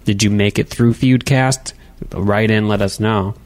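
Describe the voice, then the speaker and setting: A man's voice: on the low side, fairly even intonation, unhurried. A young man hosting a casual comedy podcast into a studio microphone, rambling and joking with mock exasperation. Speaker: podcast host.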